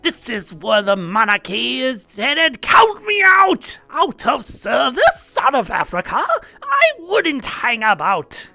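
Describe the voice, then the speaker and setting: A woman's voice: on the high side, wildly swooping pitch, slow pace, hardly any pauses, pushed and bright, no echo, faint music behind, pitched above the performer's own voice, heavily acted. A woman voicing a fussy, pompous male cartoon hornbill bird, clipped and indignant.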